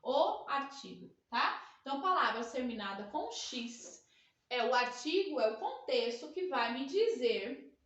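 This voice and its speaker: A Brazilian woman with a high voice teaches a grammar lesson at an unhurried pace. She keeps checking in with her students as she explains. The sound carries an echoey room around her. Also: dull audio. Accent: Brazilian Portuguese. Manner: slow, drawn-out teacher explanations with frequent checking tags.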